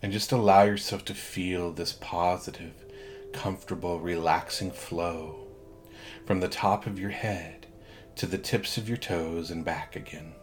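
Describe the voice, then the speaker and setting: A man guiding a hypnosis relaxation induction in a soothing, measured way, leaving long pauses between phrases. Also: low-pitched, fairly even intonation. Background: background music.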